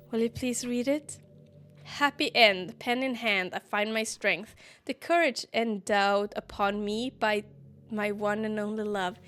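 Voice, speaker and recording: Lovestruck self-aware game girl, soft and earnest, slightly high voice, read aloud by a woman. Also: lightly acted. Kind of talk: reading game dialogue aloud.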